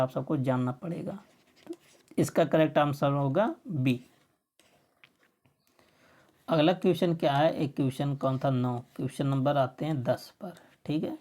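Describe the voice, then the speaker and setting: A woman's voice: low voice, mellow. A woman teacher going through exam quiz answers, asking herself questions and answering them, often correcting her own slips.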